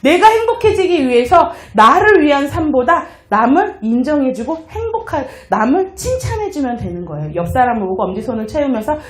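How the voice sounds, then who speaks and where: A middle-aged woman gives a motivational talk to a live audience, her high voice swinging up and down as she acts out her stories. She calls out chants for the crowd to repeat. The lecture room is echoey. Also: a little fast, few pauses. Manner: lively, leads audience in chants, acts out dialogue. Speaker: lecturer on happiness and communication.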